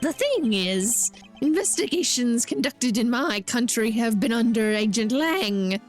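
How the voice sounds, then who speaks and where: A woman voicing an elderly, apologetic male ambassador in a video game, with a deliberate, courteous old-man voice. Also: fairly high pitch, animated, soft background music. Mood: measured, deferential. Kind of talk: acted video game dialogue read-aloud.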